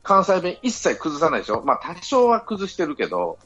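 A man's voice: on the high side, huge pitch swings, fairly quick, a bit bright, breathy edge. A man in a casual podcast chat, arguing his points assertively. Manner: assertive, lecturing. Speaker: podcast panelist. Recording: dull lo-fi audio with faint music.

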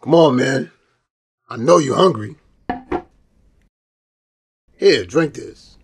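A man's voice: medium pitch, animated, slow pace, slight background noise, voice pushed up. A man voicing an exuberant young male friend who talks in playful, teasing slang. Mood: hyped.

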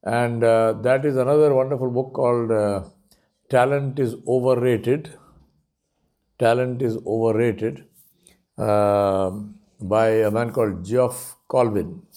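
A man's voice: mid-range voice, fairly even intonation, slow, dark tone. A man giving a religious talk at an Islamic centre, repeating key phrases for emphasis with frequent fillers.

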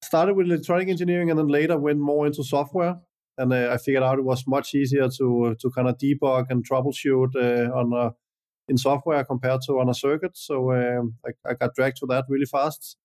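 A Danish entrepreneur, speaking English as a second language, calmly answers a guest interview's questions. His medium-pitched delivery is measured and full of "uh" and "like" hesitations.

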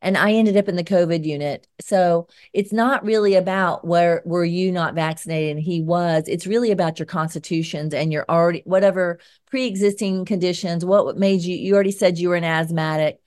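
A middle-aged woman hosts with a Georgia accent from the American South. Her voice sits a little low, and the sound is dry with very little room around it. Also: fairly even intonation, brisk, few pauses, darkish tone, dry recording. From Georgia, United States. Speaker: interviewer and show host. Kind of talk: conversational interview and spoken commentary.

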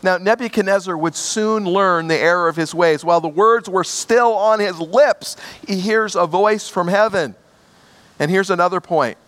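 A man's voice: sits high, normal speed, fairly bright tone. A man preaching a sermon as pastor, stressing key words by repeating them.

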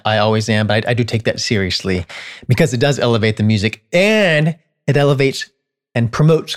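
A man in his thirties, a songwriter and composition teacher, talking through ideas thoughtfully, with frequent restarts, now and then singing a short line to make a point. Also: medium pitch. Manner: thoughtful, many restarts, sings short melodic lines to illustrate. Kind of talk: casual explanatory talk.

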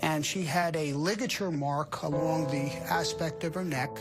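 A man giving halting, matter-of-fact recollections as an investigator in a documentary interview. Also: a little high, fairly even intonation, over music.

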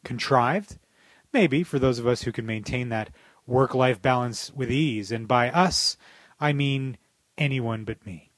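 A podcast co-host speaks at a medium pitch and measured pace, wry, sardonic and emphatic. The talk mixes a scripted opinion monologue with casual chat, recorded with no room sound.

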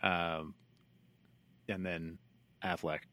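A man co-hosting a casual podcast about movies, relaxed and prone to trailing off, then ranting when critical. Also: low-pitched, extremely slow, dry recording. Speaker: podcast co-host.

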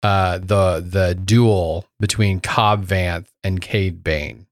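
A man's voice: low-pitched, takes it slowly, dry recording, studio quality. A man co-hosting a podcast, chatting enthusiastically about a TV series and acting out his reactions. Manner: enthusiastic, animated retelling with acted asides. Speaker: podcast co-host. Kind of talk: casual chat about a TV series.

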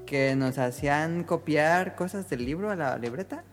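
A man's voice: fairly high pitch, normal speed, long reverb tail, soft background music. A man hosting a casual podcast chat, steering the conversation and asking the others questions. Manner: moderating, steering the segment. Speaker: podcast host.

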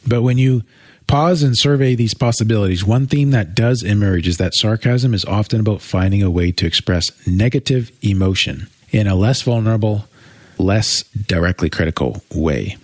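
A man co-hosts a relationship podcast, talking through ideas in a thoughtful, unhurried way. His voice sits on the low side, and the recording is dry and close. He builds long winding explanations. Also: darkish tone, no echo. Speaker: co-host. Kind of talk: casual explanatory chat.

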